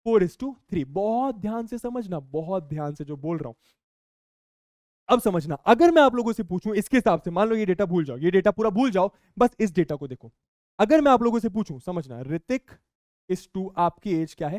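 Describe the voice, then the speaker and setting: A young man teaching a maths lesson to students, lively, repeating key points and asking the class questions. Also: high-pitched, no echo, studio quality.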